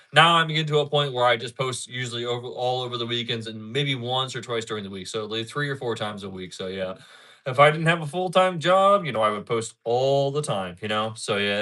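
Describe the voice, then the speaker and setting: Thirties male streamer, bright forward voice, loose rambling chat with viewers. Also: mid-range voice. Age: 30s. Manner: rambling, repeats himself, talks back to chat. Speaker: livestreamer. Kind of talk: casual live-stream chat.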